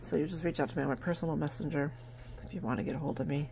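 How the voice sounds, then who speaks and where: A woman's voice: sits low, very fast, creaky, mellow, slight background noise. A middle-aged woman from New Hampshire, chatting casually to camera about her barn sales in a rambling way with lots of fillers, recorded on a handheld phone at home. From New Hampshire, USA. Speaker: vlogger and barn sale seller. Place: at home, indoors at a table.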